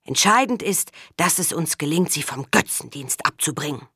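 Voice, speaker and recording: A woman reading the part of a gentle, earnest male priest. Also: low voice, expressive, normal speed, slightly rough, dry recording, studio quality, exaggerated voice. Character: serene male missionary priest.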